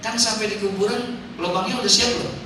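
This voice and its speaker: A middle-aged man with a Betawi Jakarta accent delivers a comic sermon at an outdoor market gathering, trading jokes and throwing his voice into the people he quotes, sometimes shouting the punchlines. His voice sits high and echoes through a distant PA, with steady chatter and noise behind it. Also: quick pace. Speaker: preacher. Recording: echoey distant PA sound, noisy crowd.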